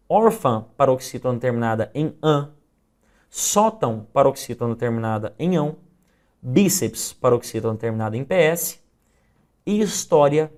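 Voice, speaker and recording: A middle-aged man with a Brazilian accent, teaching an exam review lesson and explaining rules step by step with examples. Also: mid-range voice.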